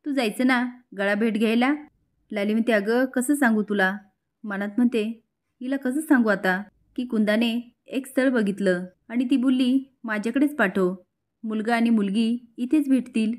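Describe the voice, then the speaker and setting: Brief: woman recapping a soap episode, slightly high voice, punches the quoted dialogue. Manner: narrates briskly, voicing each character's lines with rising emphasis.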